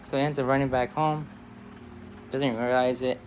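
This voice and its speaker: A man's voice: medium pitch, flat delivery, brisk, a little hiss or hum. Man telling a story casually. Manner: rambling, loose, "he's like" style.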